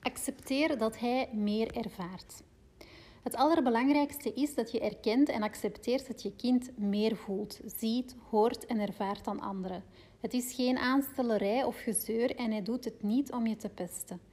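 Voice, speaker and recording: Flemish mom reading a parenting book out loud, mellow voice, drifts into rambly side comments with lots of ehms. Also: female voice, a little high, unhurried. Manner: reads steadily, then rambles with fillers in her own asides. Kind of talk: book reading with personal asides.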